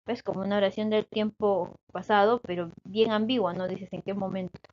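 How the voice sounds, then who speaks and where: A woman's voice: mid-range voice, steady tone, fairly quick, darkish tone, dull audio. A woman teaching an English grammar lesson in Spanish, explaining patiently and checking often that her students follow.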